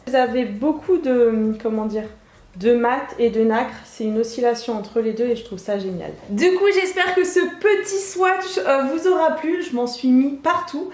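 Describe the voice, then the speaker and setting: A woman's voice: on the high side, a little mellow. A woman beauty vlogger chatting casually and bubbly, talking straight to her viewers while unboxing. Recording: echoey room with faint music.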